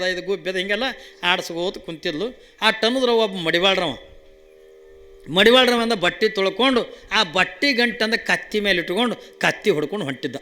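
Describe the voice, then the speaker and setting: A male comic storyteller with a North Karnataka accent, animated and playful as he acts out each character in turn. His voice is high and bright with a sharp edge. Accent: North Karnataka Kannada. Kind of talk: folk comedy storytelling.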